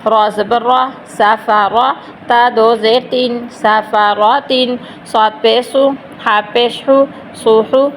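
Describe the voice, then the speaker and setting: A woman teaching Quran reading. She spells out syllables slowly, joins them, and explains quickly between the drills. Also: fairly high pitch, fairly even intonation, a little hiss or hum, poor audio. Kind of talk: slow letter-by-letter recitation lesson.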